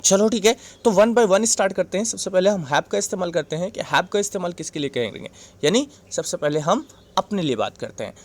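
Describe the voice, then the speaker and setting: A male English teacher with an Indian accent walks through a grammar lesson step by step. He repeats each point patiently and keeps pausing to check that the class is following. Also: high voice, expressive. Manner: patient, repetitive, checks in with "right?".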